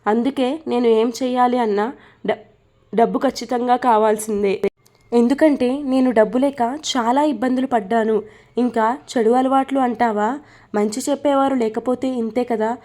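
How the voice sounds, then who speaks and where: A woman's voice: a little high, fairly even intonation, normal speed, dark tone, close to an everyday voice. A woman reading as a teasing young husband. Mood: earnest. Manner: playful, coaxing storytelling delivery.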